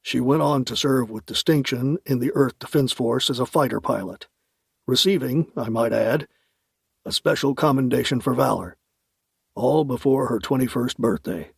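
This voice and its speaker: A man's voice: mid-range voice, vocal fry, husky, dry recording, clean studio sound. A man voicing a wry, talkative elderly uncle in an audiobook, genial and teasing as he tells a story.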